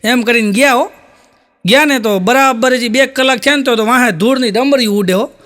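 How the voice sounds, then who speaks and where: A man telling stand-up jokes, acting out the characters' lines in a higher voice. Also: normal speed, a bit bright. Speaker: stand-up comedian.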